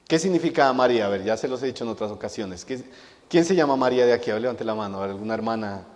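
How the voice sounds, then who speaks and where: A man's voice: mid-range voice, animated, rapid-fire, darkish tone. A male pastor preaching a sermon to his congregation, emphatic and full of rhetorical questions, often repeating a key word for weight. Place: church hall. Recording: long hall reverb.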